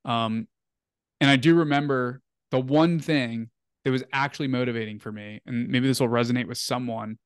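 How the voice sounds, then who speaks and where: A man's voice: mid-range voice, fairly even intonation, moderate pace, smooth, no echo, clean studio sound. A young man telling a story as an interview guest, casual and rambling, full of "like" and "um". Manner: rambling, filler-heavy, "like" and "um" often.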